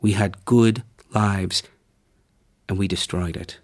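A man's voice: deep voice, fairly even intonation, takes it slowly, voice pushed down. A man voicing a thin young male church guide, wistful and bitter, asking blunt, rueful questions.

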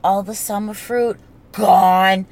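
A woman's voice: mid-range voice, steady tone, takes it slowly, a little mellow. A woman with a New England accent who drops the G at word endings, rambling casually as a solo podcast host in a sweary, self-mocking way. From New England, United States.

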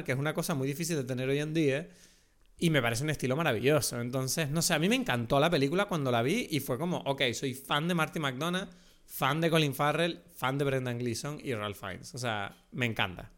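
A man's voice: fairly high pitch, fairly quick, a bit bright. A man with a Venezuelan accent, co-hosting a podcast and chatting about films in long, rambling turns. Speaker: podcast co-host. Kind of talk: casual film chat.

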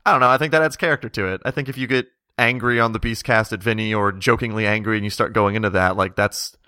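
A man with a fairly low voice and a bright, punchy edge hosts a casual interview. He is talkative and informal, and the sound is dry with no room on it. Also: steady tone, fast, no room sound. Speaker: podcast host, games writer.

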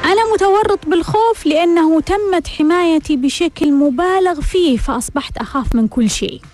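A woman's voice: extremely high pitch, a little fast, a little mellow, faint music behind. A woman hosting a self-help radio talk, asking rhetorical questions and repeating them for emphasis. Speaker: radio host.

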